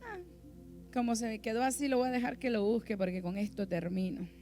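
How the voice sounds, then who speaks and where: A middle-aged woman preaching a sermon in a church, impassioned and emphatic, rising to loud peaks. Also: fairly high pitch, fairly quick, soft background music.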